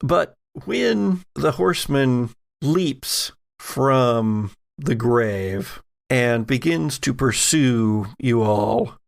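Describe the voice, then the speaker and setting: As game master of an actual-play podcast, a man narrates a tabletop roleplaying game with dramatic storytelling and casual asides. His medium-pitched voice is expressive and creaky, and he speaks extremely slowly.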